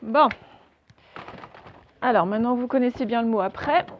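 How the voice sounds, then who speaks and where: A woman's voice: a little high, normal speed, lo-fi sound, a little hiss or hum. Patient woman teaching young children. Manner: patient, step-by-step, with frequent hesitations. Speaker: primary school teacher. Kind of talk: remote reading and handwriting lesson for young children. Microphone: phone.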